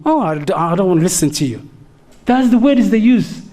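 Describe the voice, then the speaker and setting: Fervent high-voiced Somali man speaking. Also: very animated, fairly quick, dark tone. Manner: switches between two languages, fervent with many restarts. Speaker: community speaker. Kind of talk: public speech at a community event.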